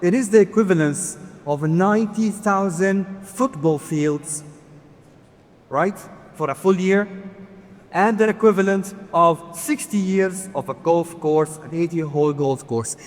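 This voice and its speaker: In a large conference hall with long reverb, a man delivers a presentation earnestly, with touches of light humor, and asks for the next slides. His voice sits high, at a measured pace.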